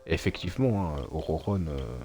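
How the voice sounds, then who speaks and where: This game streamer has an extremely low, darkish voice yet lively intonation, and he talks briskly. He mutters hesitantly to himself and chats with his audience in relaxed live commentary.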